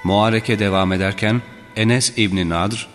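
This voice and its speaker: A man narrating religious history aloud in a measured, solemn reading style. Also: fairly low pitch, steady tone. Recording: reverberant with faint background music.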